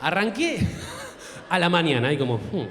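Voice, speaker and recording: A man's voice: high voice, very animated, brisk, background noise. A young Argentine man doing crude stand-up comedy on a theater stage, working the crowd and acting out voices. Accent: Argentine Spanish. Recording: echoey theater hall.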